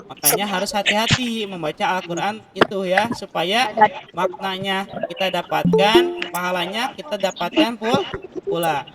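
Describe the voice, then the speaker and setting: A man's voice: high-pitched, normal speed, over loud music. A man teaching an online class on Quran recitation, explaining patiently and drawing out the recited examples over a video call. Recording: loud hiss and clicks on a video call.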